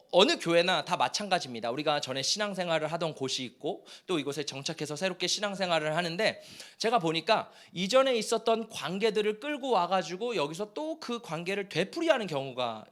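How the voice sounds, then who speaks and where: A male pastor giving an animated Friday-night sermon in a church, joking with the congregation and calling for amens. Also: a little high. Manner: animated, jokes and calls for amen. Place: church sanctuary.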